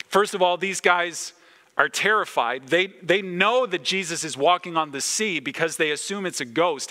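A man delivers a sermon with earnest emphasis, slowing for dramatic pauses. His voice is somewhat high and bright with a forceful edge. A long reverb from a large church room trails each phrase. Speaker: pastor.

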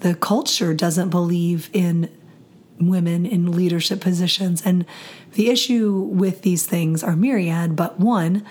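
A woman pastor talks casually on a podcast in a hoarse, raspy voice that has nearly given out. She sits low for a woman and keeps a wry, talkative manner. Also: fairly even intonation, a little slow, darkish tone. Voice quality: raspy, husky from voice loss.

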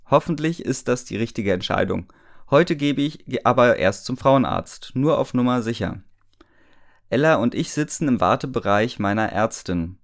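A man reading a story aloud for comedy, amused, often laughing and breaking off to mock the text. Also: medium pitch. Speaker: reader and commentator.

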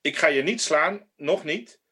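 An actor playing a defiant, threatening autocratic head of state in a radio drama, speaking with contempt. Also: male voice, a little high, animated, unhurried, sharp tone, husky, heavily acted. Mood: menacing. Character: aging male autocratic president, defiant and menacing.

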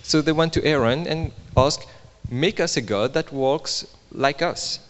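A man's voice: fairly high pitch, slow pace. A man interpreting a sermon line by line into English, copying the preacher's emphasis and making small grammar slips. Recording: reverberant church hall.

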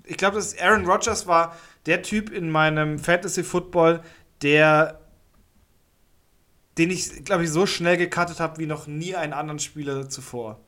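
A man co-hosting a casual podcast, rambling along with wry humor and correcting himself mid-sentence. His voice is somewhat high for a man and very bright, with a forward edge. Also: fairly even intonation, normal speed. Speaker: podcast co-host.

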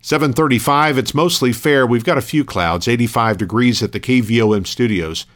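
Male, local radio news host, mid-range pitch, scripted reading, matter-of-fact, measured. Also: fairly bright tone.

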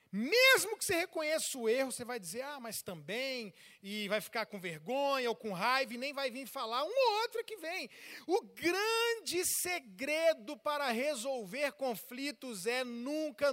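Male pastor, very high voice, preaching, long church reverb, storytelling with call and response. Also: bright, forceful tone. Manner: acts out church members' voices while telling stories. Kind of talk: sermon. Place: large church. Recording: long reverb of a large hall.

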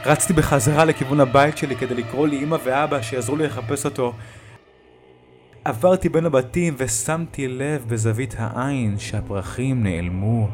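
A man telling a first-person creepy story in a tense, hushed retelling. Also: medium pitch. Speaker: narrator. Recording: music bed behind the voice.

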